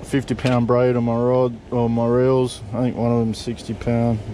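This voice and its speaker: A middle-aged Australian man rigging fishing gear behind his parked vehicle talks through it casually for his fishing vlog, swearing in a relaxed way. Recorded on a point-of-view body camera with a little hiss or hum, his mellow, medium-pitched voice is completely flat and moves at normal speed.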